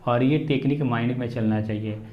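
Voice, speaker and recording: A man's voice: medium pitch, fairly even intonation, brisk. A man teaching geography for exams, reciting country names in drills and urging viewers to repeat after him. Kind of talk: exam-prep map lesson. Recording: echoey room, dull lo-fi sound, faint background hum.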